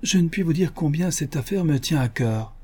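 A jittery, pleading little man, as a male reader puts him on, his voice pitched up. The reader's tone stays husky and mellow. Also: brisk. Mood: anxious. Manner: anxious, pleading. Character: nervous small timid man. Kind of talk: audiobook reading.

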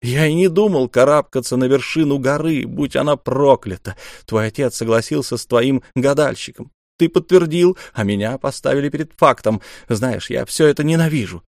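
A man's voice: medium pitch, moderate pace, gravelly, hardly any pauses, darkish tone, dry recording, studio quality, pitched above the performer's own voice, natural voice. A man voicing a proud, desperate young noble duelist, pleading in heated, raised outbursts.

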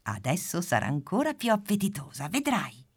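A woman's voice: on the low side, huge pitch swings, normal speed, breathy edge, voice pushed up, heavily acted. A woman voicing a cheerful, curious little female puppy in a storybook, eager and full of questions. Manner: eager, bouncy, asks lots of questions. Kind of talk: storybook character voice.

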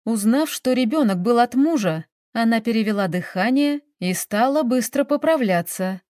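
A woman narrating a detective novel as an audiobook in an even, measured reading. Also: on the high side, no echo, clean studio sound.

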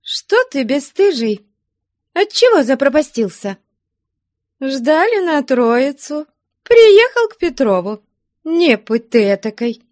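A woman narrator puts on a mischievous young woman with a sharp tongue, scolding and mocking in a high, bright, loud voice that leaps all over. Her tone is teasing and restless, set in a close, dry recording, like a storybook heroine. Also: very animated, slow pace, no room sound, full character voice. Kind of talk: audiobook character voice.

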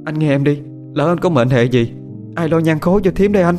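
A man putting on a gentle tearful village girl. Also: mid-range voice, steady tone, racing, soft background music, voice pushed up, close to an everyday voice. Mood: pleading. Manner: soft, pleading, raised voice.

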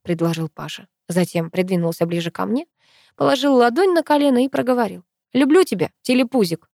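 A woman reading a first-person novel aloud as an audiobook, lively and expressive. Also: medium pitch, fairly quick, gravelly, no room sound, studio quality. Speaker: audiobook reader.

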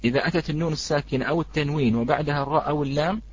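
A man teaching a live online recitation lesson. He greets the students in the chat and draws out each example word slowly. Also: fairly high pitch, slightly rough, lo-fi sound.

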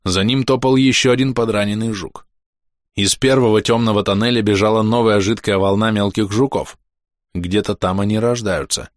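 A man narrating a first-person fantasy action audiobook with brisk, vivid reading. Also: on the low side, fairly even intonation, no room sound, clean studio sound.

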